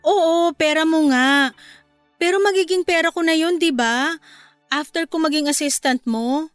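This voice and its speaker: Brief: a desperate, meek mother in a radio play; high-pitched and apologetic. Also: a little slow, soft background music. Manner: meek and apologetic, then crying and shouting. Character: desperate mother working as assistant, pleading. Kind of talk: radio drama acting.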